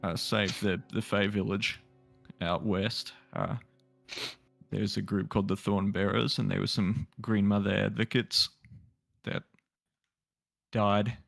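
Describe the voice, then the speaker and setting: A young man with a gravelly, slightly low voice, playing a tabletop game and hesitating often as he speaks. Faint music sits under the talk. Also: flat delivery, takes it slowly, fairly bright tone, dry recording. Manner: hesitant, many fillers. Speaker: player.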